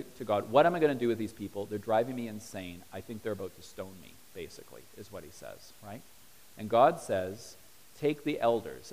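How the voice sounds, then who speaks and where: A male pastor preaching to his congregation, playful and storytelling, slipping into quoted voices for comic effect. His voice sits at an ordinary middle pitch. It carries a long echo, as in a large sanctuary. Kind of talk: sermon. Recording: long hall reverb.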